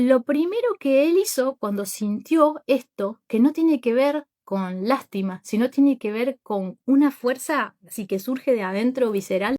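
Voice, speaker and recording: A woman hosting a podcast, telling a Bible story in a thoughtful, unhurried monologue that speaks straight to her listeners. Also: on the high side. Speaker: podcast host.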